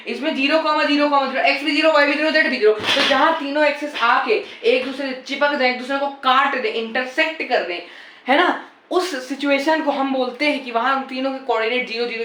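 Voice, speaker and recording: A man's voice: very high voice, pushed and bright, reverberant, slight background noise. A man teaching physics in a casual lecture style. He repeats key points and coaxes and teases his students as he goes. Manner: repetitive, coaxing, teasing the students.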